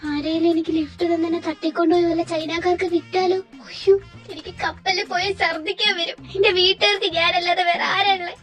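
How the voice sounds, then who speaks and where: A cheeky young college girl, voiced by a woman, who talks in a very high, girlish voice. She pleads and chatters dramatically in a fan-made audio story. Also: flat delivery, quick pace, hardly any pauses, mellow, faint music behind. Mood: pleading.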